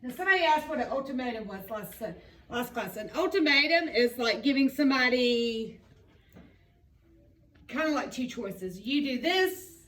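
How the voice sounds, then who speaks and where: A woman counselor reading a picture book aloud to students in a classroom, expressive, with sound effects and questions. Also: high-pitched, moderate pace. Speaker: school counselor. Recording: echoey room, mic far off.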